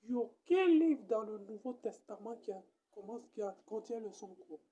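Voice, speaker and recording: High-voiced Ivorian woman teaching a mock Bible lesson. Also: lively intonation, mellow, breathy edge. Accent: Ivorian French. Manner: didactic, repeats each point slowly. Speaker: comedian posing as Bible teacher.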